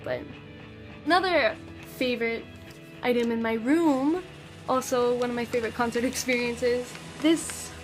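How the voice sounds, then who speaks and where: A teenage girl chatting casually and bubbly through a favorites vlog, using plenty of slang. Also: fairly high pitch. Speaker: vlogger.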